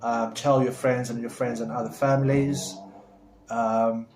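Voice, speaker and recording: A man's voice: medium pitch, flat delivery, a little slow, background noise. A man from Somalia talking casually to camera as a vlogger. He rambles in a chatty way, with many fillers and restarts, and turns enthusiastic when he praises someone. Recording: roomy echo.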